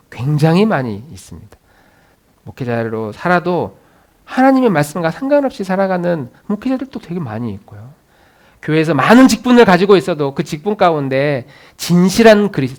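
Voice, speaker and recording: A male pastor preaching in a church with a lively, far-ranging voice. His voice sits a little high for a man. He swings between loud, urging lines and soft, musing asides. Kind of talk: sermon. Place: church sanctuary.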